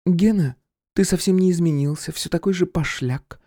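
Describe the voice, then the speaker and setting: A man's voice: sits high, normal speed, warm tone, no room sound, clean studio sound, pitched above the performer's own voice, lightly acted. Man voicing a snippy young ex-girlfriend. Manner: snippy, hissing. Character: bitter young woman, Max's ex, sharp-tongued.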